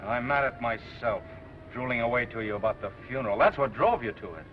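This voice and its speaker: A man's voice: medium pitch, close to an everyday voice. An American actor playing a brash, exasperated newspaperman in sardonic 1930s screwball comedy banter. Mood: rueful. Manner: rapid, barking, sardonic. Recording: dull 1930s film sound, heavy noise.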